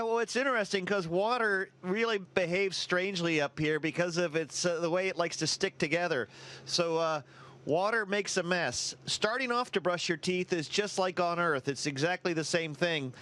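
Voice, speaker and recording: A man's voice: a little high, a bit bright. A man, an astronaut, answering educational interview questions in a plain, informal way. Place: aboard a space station.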